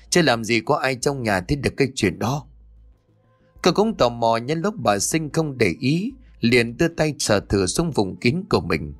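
A man telling a horror story aloud, scripted and expressive, his pitch moving a lot around a middle register. Faint music plays under him. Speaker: narrator.

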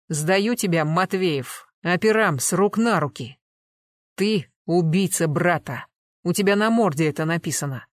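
Reader doing a gruff impatient guy barking accusations, dry close audiobook sound. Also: high voice, dry recording, lightly acted. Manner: barking, blunt. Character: impatient gruff man, accusing, threatening police. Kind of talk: audiobook dialogue.

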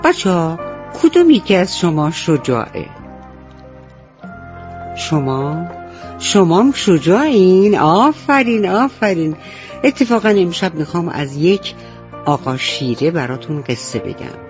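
A woman storyteller narrating a bedtime story for children on the radio, gentle and affectionate. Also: fairly low pitch, animated, pauses often, highs cut off, soft background music. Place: radio studio.

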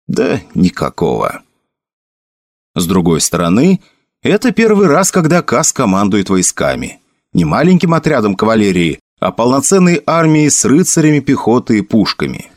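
A man narrating a fantasy audiobook in an expressive storytelling manner. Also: mid-range voice, normal speed, no room sound, clean studio sound.

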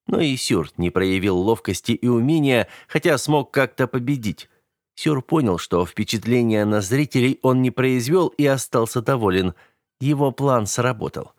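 A man narrating an audiobook in a steady, even storytelling manner. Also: medium pitch, dry recording, clean studio sound. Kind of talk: scripted narration.

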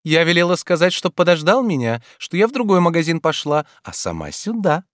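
A man voicing a playful, teasing young woman in an audiobook, lively and capricious. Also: a little high, brisk, no room sound, studio quality, pitched above the performer's own voice. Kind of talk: audiobook character reading.

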